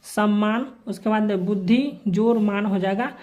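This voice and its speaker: A woman's voice: medium pitch, steady tone, a little mellow. A woman teacher from Bihar walking through textbook answers, repeating set phrases as she writes them out. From Bihar, India. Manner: slow, repeats formulaic phrases while writing answers. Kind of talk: homework answer walkthrough lesson.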